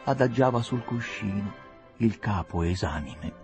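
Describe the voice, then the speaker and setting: A man's voice: fairly low pitch, animated, a little slow, over music. A man narrating a novel as an audiobook, reading expressively.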